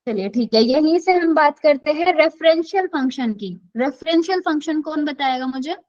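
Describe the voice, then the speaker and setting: A high-voiced woman runs an online class, calling on students by name for answers and slipping English words into her Hindi. The sound is dull and lo-fi, like an online call. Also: expressive, moderate pace, a little mellow. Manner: quizzes students by name, switches often between Hindi and English.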